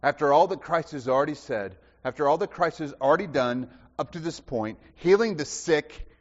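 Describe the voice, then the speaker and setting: A man preaching a sermon as pastor, impassioned and rhetorical, repeating phrases and dropping from loud declarations to hushed lines. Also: fairly high pitch, animated, moderate pace. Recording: dull sound with long church reverb.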